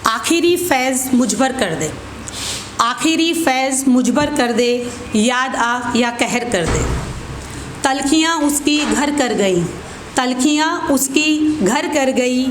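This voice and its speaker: At an open mic event room, a high-pitched woman poet recites Hindi-Urdu verse, repeating lines deliberately and offering informal introductions. The room is echoey, and background noise comes through clearly.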